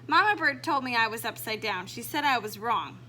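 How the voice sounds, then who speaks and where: A woman's voice: a little high, animated, fairly quick, bright, forceful tone, slight background noise. A woman voicing a clumsy, earnest young female fruit bat in a children's storybook, with childlike exclamations. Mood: confused.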